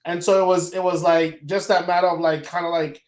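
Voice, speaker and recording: A man from Ghana, hosting a casual conversation and telling stories with lively energy. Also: sits high, brisk, echoey room.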